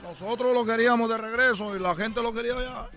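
A man voicing a boastful Cuban baseball player with a Cuban accent in a comedic radio bit, loud and rambling, repeating himself. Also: extremely high pitch, fast talker, faint music behind, full character voice. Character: boastful Cuban ballplayer, adult man, brash joker.

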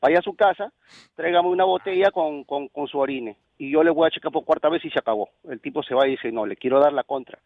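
A man tells a joke over a dull, muffled line and acts out each character's voice with gusto. His voice sits a bit high and sounds dry, as if close to the phone. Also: quick pace, no echo. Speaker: caller telling a joke.

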